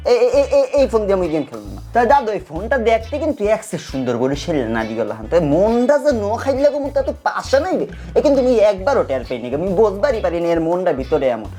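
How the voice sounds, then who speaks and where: Guy doing a joke barishal dialect, kinda high voice, rattling on fast and rambly, faint music behind. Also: a little mellow. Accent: Barishal dialect of Bengali, put on. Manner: rambling, playful folksy banter addressing "dadu". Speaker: gaming segment presenter. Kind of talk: comic dialect gaming review.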